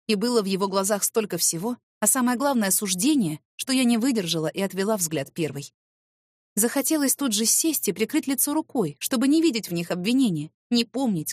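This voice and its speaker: A woman reading a first-person novel as an audiobook narrator, with expressive storytelling. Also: medium pitch, no room sound, studio quality.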